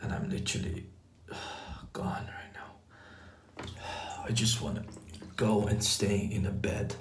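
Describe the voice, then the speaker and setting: A man's voice: lowish voice, little pitch movement, takes it slowly, in a whisper, distant mic. A young man vlogging from a bathtub late at night, groggy and sighing, talking casually to his viewers. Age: young adult. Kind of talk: casual vlog to camera. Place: small tiled bathroom, lying in a bathtub. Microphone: phone camera propped nearby. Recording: echoey bathroom, slightly off-mic, background music.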